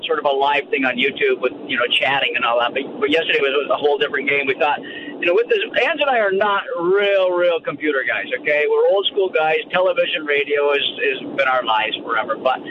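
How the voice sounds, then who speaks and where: A man's voice: fairly high pitch, fairly quick. A middle-aged man calling in from his car, sounding tinny as if inside a metal tank, joking around with mock complaints in casual radio banter. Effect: tinny, muffled sound as if inside a metal tank, over a phone line. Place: car on the road. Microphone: phone. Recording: tinny phone line with road noise.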